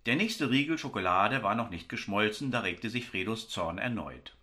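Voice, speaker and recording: Brief: male storyteller, wry and ironic, lowish pitch, bright forceful tone. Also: expressive, normal speed. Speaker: narrator. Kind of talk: scripted narration of a story.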